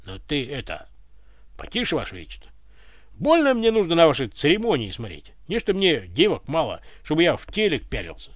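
A man's voice: a little high, huge pitch swings, fairly quick, dry recording. A man voicing a brash, cheeky young commoner who keeps joking in folksy speech, read dry and close.

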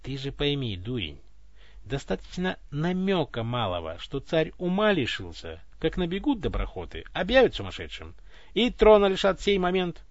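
A man's voice: fairly high pitch, huge pitch swings, normal speed, no echo, voice pushed up. A man voicing an arrogant tsar who lives as a voice in someone's head, scornful and cursing, on a dull, dry recording. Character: arrogant foul-mouthed tsar voice inside a head.

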